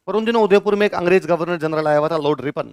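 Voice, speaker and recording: Male teacher, lecture, quizzes students, fairly high voice, crisp, dry close mic. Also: racing, no room sound. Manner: asks the class questions and answers them himself. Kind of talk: classroom lecture.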